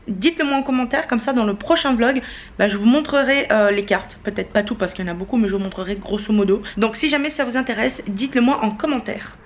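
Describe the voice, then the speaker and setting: A young woman vlogs at home indoors, chatting casually to camera with plenty of fillers and self-mocking laughs. Her voice is a little high, with slight background noise, recorded on a handheld camera mic held by her partner.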